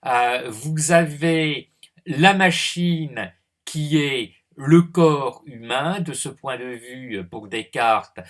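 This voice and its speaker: Slow, halting male philosophy teacher. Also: medium pitch, a bit bright. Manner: halting, full of hesitations, thinking aloud. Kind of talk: recorded lecture commentary.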